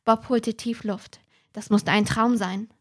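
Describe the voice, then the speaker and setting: A woman podcast host narrating a detective story aloud in a brisk, animated way. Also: fairly high pitch.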